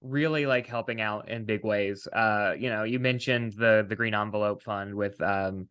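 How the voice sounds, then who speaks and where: A man's voice: fairly low pitch, normal speed, a bit bright, clean tone. A man hosting a casual interview podcast, laughing often and talking in a slightly rambling way with restarts. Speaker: podcast host.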